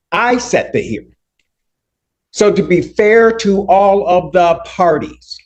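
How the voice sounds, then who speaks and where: A middle-aged man presiding as judge talks in a slightly high voice with a darkish tone. His courtroom delivery is stern and lecturing, measured and emphatic throughout.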